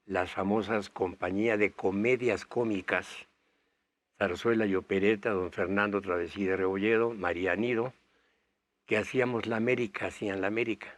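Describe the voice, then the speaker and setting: A man's voice: lowish voice, moderate pace. An older man from Bolivia, a guest actor, telling long anecdotes in a rambling way with many fillers. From Bolivia, raised touring South America. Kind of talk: storytelling interview answers.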